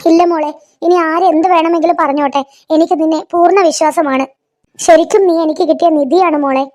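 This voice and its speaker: A woman's voice: extremely high pitch, steady tone, fairly quick, a little mellow. A woman voicing an anxious middle-aged mother-in-law who calls out in an alarmed, raised voice. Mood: tender.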